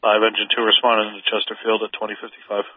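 A man's voice: fairly low pitch, completely flat delivery, noisy background. Male dispatcher over a two-way radio. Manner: measured, repeats each call. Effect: two-way radio transmission. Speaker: fire dispatcher. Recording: narrow dry dispatch radio channel.

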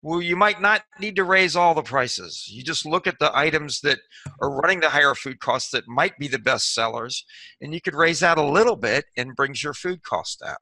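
A middle-aged man, a restaurant consultant and author, gives a casual interview answer, rambling with lots of fillers and restarts. His fairly high voice is expressive, pushed and bright at a moderate pace, on a dry, rough recording.

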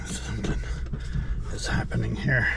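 A man's voice: mid-range voice, fairly even intonation, unhurried, vocal fry. A man working on an old car outdoors, talking to himself with dry jokes as he works. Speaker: garage vlogger. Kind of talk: casual working commentary. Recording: noisy outdoor recording with engine and ambient noise. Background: outdoor ambience and car engine noise.

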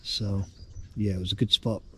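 Out on a trail and at his campsite, a middle-aged man talks to his action camera, held at arm's length or nearby, in a casual hiking video diary. His voice is fairly low and slightly rough, with flat delivery at a normal speed.

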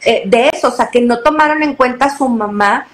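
A woman's voice: a little high, brisk. Earnest woman in an echoey room. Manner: earnest, repeats words and restarts often. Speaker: interview guest. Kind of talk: emotional storytelling interview.

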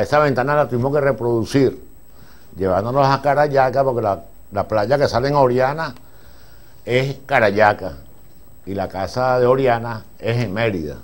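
An older man with a Venezuelan accent, a film prop master rambling through animated anecdotes at a master class, with frequent restarts. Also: medium pitch. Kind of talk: anecdotal storytelling to an audience.

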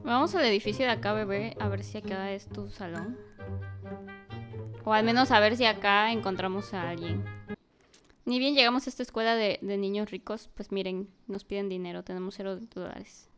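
A woman giving animated let's-play commentary, talking to a baby character and often yelling and laughing. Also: mid-range voice, normal speed, soft background music. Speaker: gaming youtuber.

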